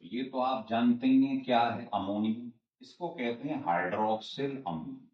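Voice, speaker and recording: The mid-range male voice moves at a moderate pace through a chemistry classroom lecture. Going step by step and repeating himself, the teacher poses questions and supplies the answers, while the audio sounds roomy, distant, and dull.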